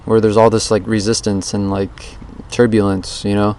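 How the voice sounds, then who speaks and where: Recording a daily challenge diary, a vlogger rambles introspectively and casually while standing under a bridge outdoors. His voice is on the low side and a little mellow, with little pitch movement and a moderate pace. The handheld recorder captures background noise.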